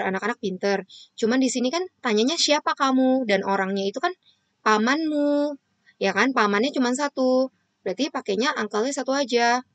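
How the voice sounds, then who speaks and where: A woman's voice: a little high, dry recording. Patient woman teaching kids. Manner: patient, explains step by step to kids, asks and answers her own questions. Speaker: primary school English teacher. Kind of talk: online children's lesson.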